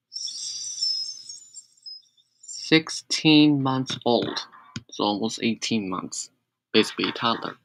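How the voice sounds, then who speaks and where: A man's voice: on the low side, noisy background. A man rambling on a casual live stream, correcting himself and adding sarcastic asides.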